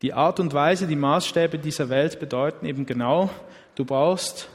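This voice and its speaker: A man's voice: a little high, moderate pace. A man preaching a sermon in a conversational way, often checking in with the listeners. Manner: conversational, often asks "oder?". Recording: long hall reverb.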